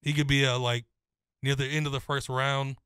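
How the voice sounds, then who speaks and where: A man's voice: medium pitch, normal speed, clear, resonant tone, no echo, studio quality. Man breaking down college football. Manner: confident, detailed analysis with steady flow. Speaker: co-host. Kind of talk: casual sports chat.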